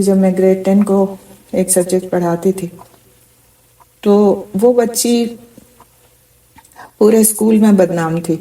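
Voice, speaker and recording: A woman's voice: mid-range voice, mellow, recorded from a distance, low-quality recording. A middle-aged woman giving a Quran commentary lecture, telling stories from her teaching in an earnest way.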